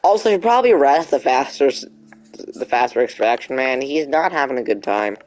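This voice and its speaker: A man's voice: mid-range voice, animated, fairly quick, a little mellow, a little hiss or hum. A young man streaming a game, chatting casually and talking back to the game in mock frustration. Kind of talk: casual live gameplay commentary.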